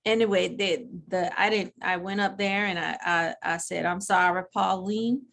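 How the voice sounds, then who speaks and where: A woman's voice: mid-range voice, steady tone, normal speed, gravelly, a bit bright. A woman playing a sassy, blunt elderly grandmother from church, telling a comic story in a chatty, rambling way with many restarts. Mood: gossipy. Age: older. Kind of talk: comedic character monologue.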